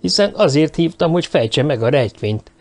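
A frightened man in a sickbed, voiced by a male narrator, pleads in a tight, high audiobook voice. He sounds anxious and begs rather than argues. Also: sing-song, darkish tone. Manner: anxious and pleading, pitched well above the narrator. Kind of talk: audiobook character voice.

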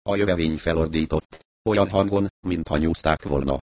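A man's voice: a bass voice, a little mellow, a little hiss or hum. A man narrating a first-person adventure novel in a wry storytelling manner. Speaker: audiobook narrator.

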